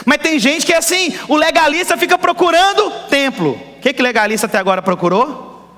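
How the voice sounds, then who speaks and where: A man preaching a lively sermon as pastor, firing rhetorical questions at the congregation. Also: very high voice, brisk. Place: church hall. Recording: echoey church hall.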